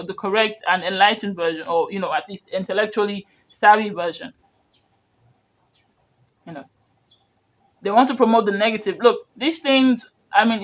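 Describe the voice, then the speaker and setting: This media commentator, a man with a high, slightly bright voice and Yoruba as his first language, reacts to video clips. His earnest talk rambles, studded with "you know" and frequent restarts.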